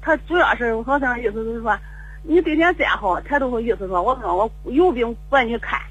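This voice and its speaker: Calling a radio show by phone, an older woman tells a long, rambling tale, going over the same points and stumbling into restarts. The recording is rough; her voice is a little high and slightly rough, with lively intonation and a slightly fast pace.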